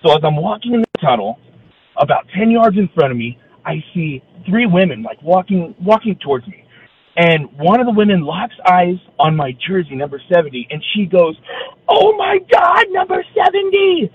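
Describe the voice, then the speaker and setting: A man calling in to a sports radio show, telling a lively story to the hosts. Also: a little high, brisk. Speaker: caller. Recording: dull phone line with faint noise.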